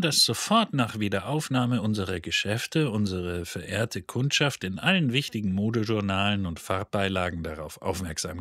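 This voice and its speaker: A man voicing an old, polite recorded announcement from a dead planet, hollow and shrill with a threatening undertone. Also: a bit bright, no room sound.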